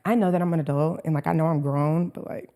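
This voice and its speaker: Animated, cursing young woman telling a story. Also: deep voice, quick pace. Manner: animated and profane, quotes others in dialogue. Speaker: podcast co-host. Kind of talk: casual storytelling chat.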